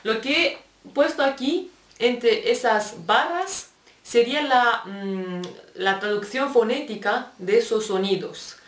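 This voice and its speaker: Slow, patient Spanish woman teacher, echoey. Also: a little high, a bit bright, distant mic. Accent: Spain Spanish. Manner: patient, spells out letters and repeats examples. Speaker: English teacher. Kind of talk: explaining grammar to Spanish-speaking learners. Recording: echoey room, voice set back from the mic.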